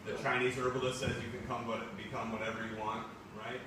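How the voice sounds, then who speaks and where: A man's voice: mid-range voice, level tone, quick pace. A male teacher leading a classroom book discussion in a conversational way, often checking in with "right?". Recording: echoey classroom, far from mic, room noise.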